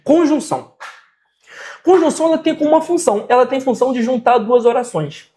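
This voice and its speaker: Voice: sits high, brisk, warm tone. Brazilian accent, teacher, grammar lesson, patient, repeats examples, checks in often. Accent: Brazilian Portuguese.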